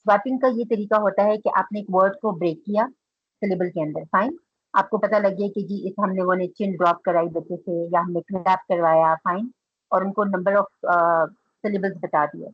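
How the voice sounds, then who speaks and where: A woman leads an online teacher training session, explaining and praising participants in turn. Her voice is slightly husky and dry, heard over a dull, muffled video call line. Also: mid-range voice, steady tone, moderate pace, no room sound. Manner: instructive, mixes Hindi and English, praises participants.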